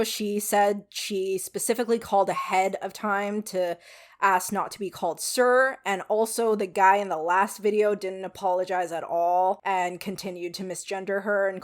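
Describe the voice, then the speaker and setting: A woman with a weak voice giving frank, casual opinion commentary to viewers, with some swearing. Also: medium pitch. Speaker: video commentator.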